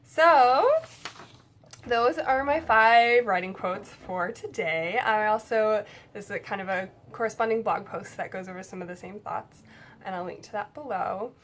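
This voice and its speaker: A woman's voice: medium pitch, measured pace, fairly bright tone, slight background noise. A young woman talking casually to camera about writing, frank and chatty, swearing now and then. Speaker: writing vlogger.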